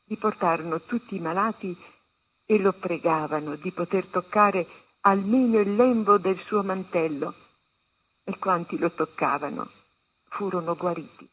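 A woman reading a meditation and a Gospel passage aloud on a religious radio program, in a measured, solemn way. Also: on the low side, breathy edge. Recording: tinny phone-line sound.

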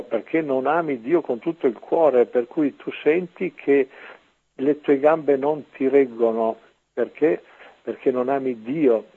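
A man, a priest, giving an earnest, preachy commentary on scripture over the radio, with a gravelly, husky voice. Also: mid-range voice. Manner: earnest, preachy, often pausing on "ecco". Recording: narrow phone-like radio sound.

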